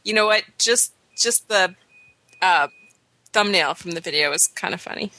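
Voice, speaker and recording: A woman co-hosting a podcast, easygoing and quick to laugh. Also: on the low side, sharp tone, rough recording. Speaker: podcast co-host. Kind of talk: casual chat.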